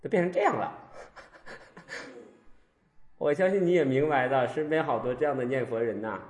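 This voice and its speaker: A Buddhist monk giving a lively sermon, telling stories and acting out both sides of conversations with laughter. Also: male voice, medium pitch, normal speed, reverberant, slight background noise. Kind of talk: dharma talk sermon.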